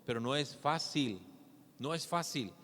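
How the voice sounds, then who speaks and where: Earnest pastor preaching in reverb. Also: male voice, medium pitch, animated, measured pace, fairly bright tone. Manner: earnest, asks rhetorical questions with a tag "¿verdad?". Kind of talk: sermon.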